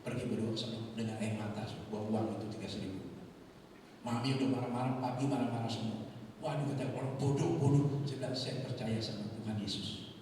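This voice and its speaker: A man's voice: mid-range voice, steady tone, fast, noisy background. A man, a pastor preaching a sermon, telling a personal story and acting out the voices of the people in it. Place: large church hall. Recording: echoey church hall, mic from a distance.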